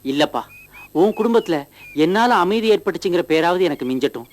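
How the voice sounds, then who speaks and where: An actor playing a naive village son-in-law in a TV comedy, fretful and easily scared. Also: male voice, high voice, lively intonation, noisy background. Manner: fretful and gullible, quick yelps. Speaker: comic lead actor. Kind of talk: TV comedy sketch acting.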